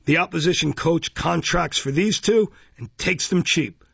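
A man's voice: a little high, a little slow, vocal fry, fairly bright tone, slightly rough, dry recording, muffled recording, pitched above the performer's own voice, heavily acted. A man voicing a pompous, self-important male parish beadle who speaks in a stately, puffed-up way. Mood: smug.

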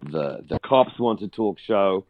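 A middle-aged Englishman with a low, expressive voice speaks a little slowly as a podcast co-host, casually discussing a radio drama. He often gropes for words, and the audio sounds narrow and tinny.

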